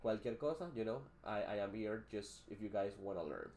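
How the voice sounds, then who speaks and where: A man's voice: fairly low pitch, lively intonation, moderate pace, darkish tone, a little hiss or hum. A man teaching English on a live stream, talking loosely with many fillers and restarts as he explains words and their pronunciation. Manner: switches between Spanish and English, explains pronunciation with hesitant fillers.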